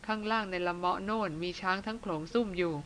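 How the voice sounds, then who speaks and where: A woman voicing an older brother leading a jungle expedition, speaking firmly and with measured worry. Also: mid-range voice, fairly even intonation, a bit bright, a little hiss or hum, natural voice. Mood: concerned.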